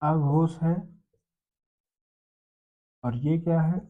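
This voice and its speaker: A man's voice: on the high side, steady tone, very slow. A man teaching a grammar lesson step by step, asking questions and answering them himself. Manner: explains step by step, asks and answers own questions. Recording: dull lo-fi sound.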